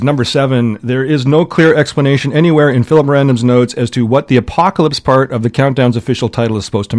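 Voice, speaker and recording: A man, a guest in a radio studio, talking in a relaxed, rambling way with many fillers. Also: mid-range voice. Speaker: radio guest, music countdown curator. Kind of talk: casual radio chat.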